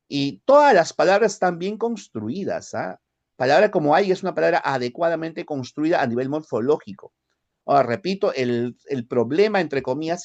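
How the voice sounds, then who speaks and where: A man from the Peruvian highlands with a Lima accent, lecturing a language class and often checking in with short tag questions. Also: highs cut off. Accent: Lima Spanish. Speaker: language teacher.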